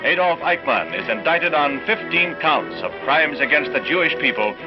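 A man's voice: a little high, lively intonation, moderate pace. A man narrating an old newsreel in a dramatic announcer delivery, played from archive footage. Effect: old newsreel audio. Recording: lo-fi archive audio with music.

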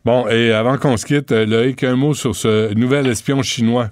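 A man's voice: mid-range voice, fairly even intonation, normal speed. A man with a Quebec French accent hosting a radio show, trading teasing, joking banter with his columnists. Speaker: radio host. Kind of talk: casual radio chat.

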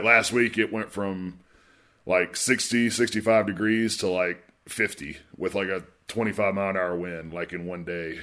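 A man hosting a casual sports podcast, his nose stuffy and congested from a cold, talking in a halting, conversational way. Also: fairly low pitch, fairly bright tone. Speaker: podcast host and sports writer.

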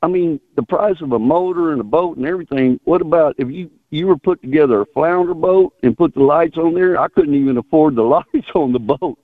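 A man calling a radio show over a phone line, rambling casually in a folksy, halting way. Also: on the high side, no echo. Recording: tinny narrowband phone line.

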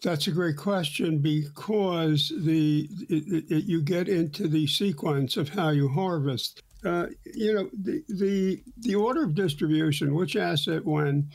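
A man hosting a financial talk show, answering retirement questions in a halting way with many fillers and restarts. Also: on the high side, vocal fry, darkish tone. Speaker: financial advisor host.

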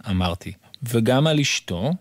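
Expressive man reading a children's story. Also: medium pitch, no echo. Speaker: narrator. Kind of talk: reading a children's book aloud.

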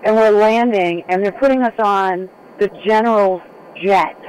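A tired woman chatting excitedly over a crackly long-distance phone line, swearing casually as a radio show regular calling in. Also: mid-range voice, a little slow. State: tired from no sleep.

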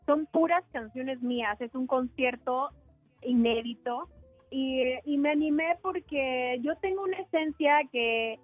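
High-voiced laughing Sinaloan woman. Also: measured pace, breathy edge, no echo, narrow, tinny audio, soft background music. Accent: Sinaloan Mexican. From Sinaloa, Mexico. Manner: blunt, laughing, lively. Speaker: singer and guest. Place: at home.

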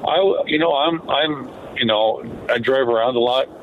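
A man's voice: medium pitch, moderate pace, phone-quality sound, a little hiss or hum. A man calling in to a radio show, chatting casually and hesitantly with frequent restarts. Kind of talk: casual chat.

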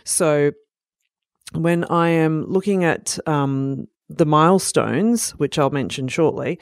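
An Italian-born speech pathologist gives an educational presentation at a slow pace and medium pitch. She explains things with frequent "um" and "you know" fillers, and the studio sound is clean with no room noise.

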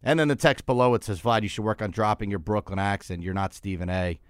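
A man's voice: on the low side, steady tone, quick pace, smooth, dry recording, studio quality. A man hosting a sports radio show with casual, conversational commentary, often repeating and rephrasing himself as he goes.

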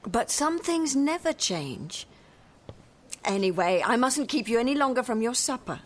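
A woman's voice: fairly high pitch, lively intonation, measured pace. An actress playing a kind, devout woman neighbour who speaks earnestly and reassuringly in a radio drama. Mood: encouraging.

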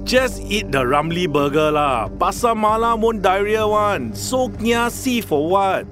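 Casting: cheeky Singaporean Singlish explainer, high-pitched, unhurried, blunt comic delivery. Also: male voice, lively intonation, over music. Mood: blunt, exasperated. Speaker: special guest translating into Singlish. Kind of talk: comedic scripted language demonstration in Singlish.

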